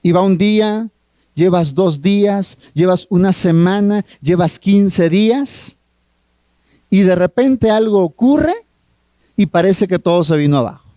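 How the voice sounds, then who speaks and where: Earnest high-voiced Mexican man preaching. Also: mellow, no room sound. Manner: earnest, drawn-out phrasing with direct questions to the audience. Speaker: family therapist speaking at a marriage retreat. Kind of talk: sermon.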